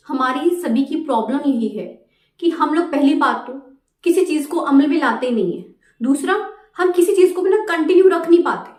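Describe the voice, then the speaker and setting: A woman's voice: high voice, echoey room, distant mic. A woman giving a motivational talk who keeps asking the listeners questions. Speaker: motivational speaker.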